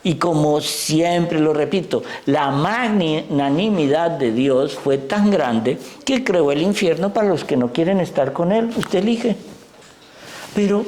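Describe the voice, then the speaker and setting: Chatty priest preaching in an echoey church. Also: male voice, fairly high pitch, a little mellow, slight background noise. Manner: chatty, digressive, addresses the congregation directly. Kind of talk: conversational sermon. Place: church before a congregation.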